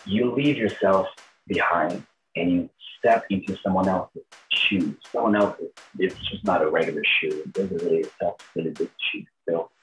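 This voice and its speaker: A man from Brazil, thirties, Portuguese as his first language, talks informally in an interview as a tribute show performer, his Brazilian accent clear. His voice is low-pitched and his speed is normal. The recording is rough, with a little hiss or hum.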